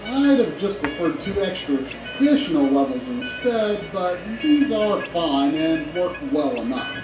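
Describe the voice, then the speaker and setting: Over game music in a roomy recording, a man narrates his scripted video game review in a fairly high, very animated voice. He keeps a measured pace, staying conversational and opinionated with casual asides.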